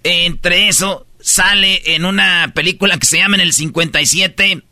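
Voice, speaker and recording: Bright slangy Mexican radio host. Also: male voice, high-pitched, fairly even intonation, moderate pace, no room sound, studio quality. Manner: slangy, storytelling, rambling. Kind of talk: casual radio chat.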